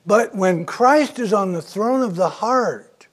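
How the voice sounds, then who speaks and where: A male pastor delivers a sermon in an unhurried, deliberate rhythm. His voice sits a little higher than most men's, and he leans into key phrases with earnest emphasis. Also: expressive, breathy edge. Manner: slow, earnest preaching with emphatic rises.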